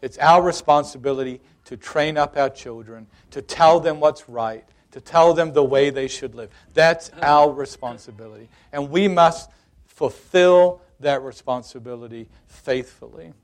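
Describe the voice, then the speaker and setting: A man's voice: on the high side, unhurried. A middle-aged man preaching a sermon, telling personal stories with quoted dialogue and repeated emphasis.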